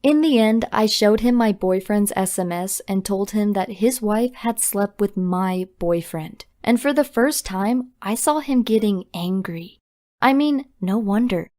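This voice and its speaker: A young woman narrating a scripted storytime confession in a brisk, dramatic way. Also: medium pitch, darkish tone.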